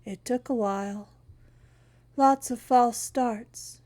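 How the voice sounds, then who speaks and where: A woman voicing an unhinged sorceress mother with a dry, papery, breathy voice, speaking slowly and eerily. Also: fairly high pitch, warm tone. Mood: menacing. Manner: slow, drawn-out, eerie. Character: unhinged sorceress mother, menacing and half-mad.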